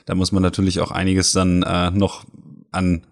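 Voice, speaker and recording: A man hosts a conversational interview in a deep voice. He has a mild cold that leaves his throat a little scratchy. He talks as a podcast host putting questions to a guest. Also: monotone, normal speed, gravelly.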